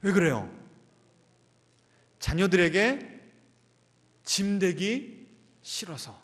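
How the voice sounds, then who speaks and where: A male pastor delivers a Sunday sermon in a church sanctuary, his somewhat high voice rising and falling a lot. He keeps asking the congregation questions and answering them, and now and then voices inner thoughts. The sound rings with a long hall reverb. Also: big pitch swings, very slow, fairly bright tone. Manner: acts out inner voices in quotes.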